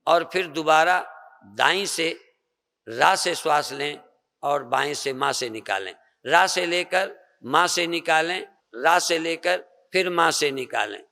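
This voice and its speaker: An older Indian man, a spiritual teacher, slowly guiding a group through meditation and breathing with soft repeated coaching. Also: on the high side. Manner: slow, repetitive soft coaching with pauses. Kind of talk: guided meditation and breathing instruction. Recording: long reverb of a hall.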